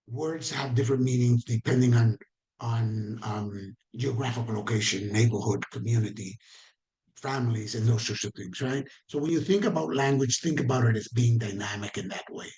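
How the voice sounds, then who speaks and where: Speaking in a slightly mellow, mid-pitched male voice, this Caribbean Spanish-accented trainer leads a session by video call. He keeps things casual and conversational, quizzing his listeners and going over his points again to stress them.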